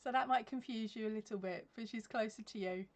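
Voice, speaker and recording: Fairly high-pitched and a little fast, an Englishwoman hosts a casual crochet live stream from her yarn-shelved craft room at home. She reads comments, laughs frequently and fills pauses with ums, recorded through her desk webcam.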